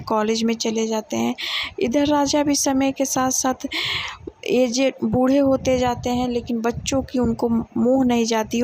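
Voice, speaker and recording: A woman's voice: a little high, darkish tone. A woman telling a moral folk tale informally, in a plain conversational way, repeating phrases for emphasis. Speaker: storyteller.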